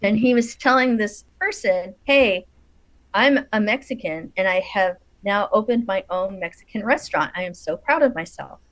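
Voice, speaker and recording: A woman co-hosting a podcast, chatty and animated as she tells stories, laughing often. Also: mid-range voice, moderate pace, no echo. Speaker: podcast co-host. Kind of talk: casual conversation.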